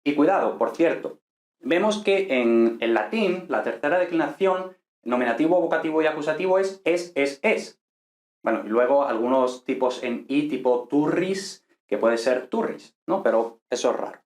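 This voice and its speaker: A man's voice: medium pitch, animated, normal speed, darkish tone. A man teaching a grammar lesson patiently, thinking aloud and checking in with listeners as he goes. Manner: patient, thinks aloud with fillers and tag questions. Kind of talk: explaining Greek grammar. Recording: echoey room.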